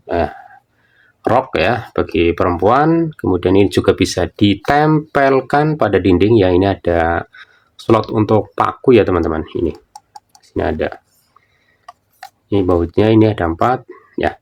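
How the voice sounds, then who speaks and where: In a low, gravelly voice, a man reviewing a product demonstrates it casually, with informal explanations and plenty of repetition.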